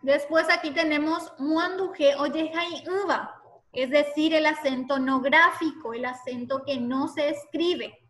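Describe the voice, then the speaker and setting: Woman teacher on an online class, high bright voice, slow patient delivery, sounds spelled out. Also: fairly even intonation.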